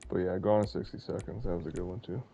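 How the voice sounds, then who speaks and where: A man's voice: sits low, steady tone, fast, gravelly, warm tone, faint music behind. A man streaming a racing game, chatting casually with crude jokes and plenty of swearing. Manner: crude joking banter, swears freely. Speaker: gaming streamer. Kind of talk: casual chat while racing. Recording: noisy game-stream audio.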